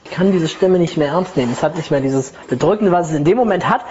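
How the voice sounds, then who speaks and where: A woman's voice: low-pitched, expressive, fast talker, warm tone, highs cut off, a little hiss or hum. A woman giving a personal development talk, telling her own story conversationally with tag questions. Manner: conversational, tag questions, acts out inner voices. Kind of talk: lecture with personal anecdote.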